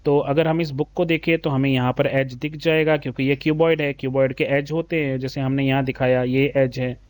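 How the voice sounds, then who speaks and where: A man patiently teaches a children's maths lesson from a textbook, calling the pupils "beta." He reads the English questions slowly and then explains them in Hindi. His voice is medium-pitched, steady, and a little mellow.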